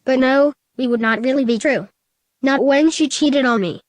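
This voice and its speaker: A woman voicing a hurt, angry teenage male hedgehog who shouts bitterly. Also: sits high, moderate pace, no room sound, close to an everyday voice. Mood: brooding.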